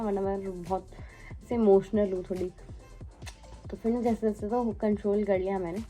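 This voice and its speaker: A young woman, a cabin crew member, casually telling a story in a chatty way, mixing English words into Hindi with many fillers. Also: mid-range voice. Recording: faint background music. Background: soft background music.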